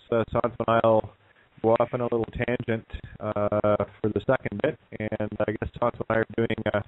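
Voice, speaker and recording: A man's voice: medium pitch, slight background noise. Man on a breaking-up phone line. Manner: loose, filler-heavy talk. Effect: breaking-up bad connection. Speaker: radio show host. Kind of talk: casual internet radio chat. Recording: dry, tinny phone-line call.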